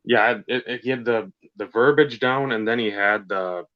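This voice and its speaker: A man co-hosting a podcast over a video call, chatting casually and haltingly. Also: medium pitch, dry recording, muffled recording. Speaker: podcast co-host. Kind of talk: casual livestream chat.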